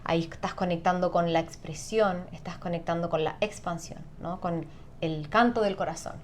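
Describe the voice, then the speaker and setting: A woman guest on an interview, explaining calmly and often adding tag questions. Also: fairly low pitch, moderate pace, a little hiss or hum. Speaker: sound therapist guest. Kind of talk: conversational interview.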